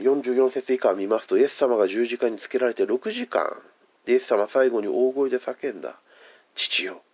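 Japanese-speaking pastor with lively, swinging pitch. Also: male voice. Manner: emphatic, drawn-out phrasing with soft, hushed endings. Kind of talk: sermon.

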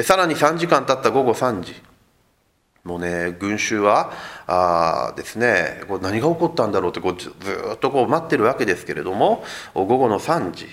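A man's voice: medium pitch, a bit bright. A man, the pastor, giving a sermon and telling the story vividly while speaking directly to his congregation. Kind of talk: Sunday sermon.

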